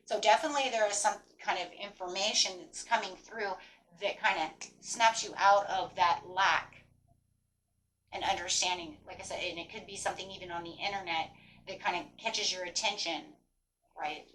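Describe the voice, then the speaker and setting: A woman with a mid-pitched voice gives a tarot reading in the manner of a fortune teller. She talks in a loose, rambling flow, reassuring and affirming her listeners. Some background noise sits behind her voice. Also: fairly even intonation, normal speed, fairly bright tone, low-quality recording. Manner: encouraging, affirming; rambling, peppered with "right?" and "you know". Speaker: tarot card reader hosting a reading. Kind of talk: spontaneous fortune-teller style tarot reading addressed to viewers.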